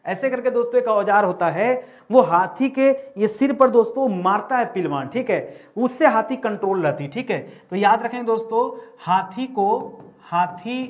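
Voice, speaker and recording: A man's voice: high voice, lively intonation, moderate pace, lo-fi sound. A man teaching a grammar lesson for exam preparation. He repeats key words and quizzes students with rhetorical questions.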